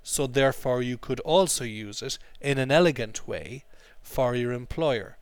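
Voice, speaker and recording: A man leads an English lesson, explaining words and having the class repeat phrases after him. His voice is mid-pitched, and the recording sounds dry and close. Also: moderate pace, no echo. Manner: drills pronunciation, repeating phrases for students. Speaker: English teacher.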